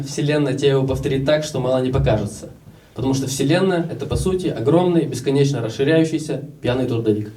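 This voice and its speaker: A man's voice: medium pitch, dark tone, recorded from a distance. A young Russian man in his twenties telling stories casually in a stand-up comedy set, acting out the voices of other people. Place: live comedy show with audience.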